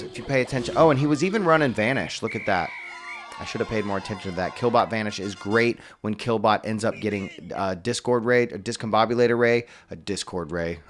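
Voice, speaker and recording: A man commentating a mobile game tournament match play by play, upbeat and quick to exclaim at good plays. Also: mid-range voice.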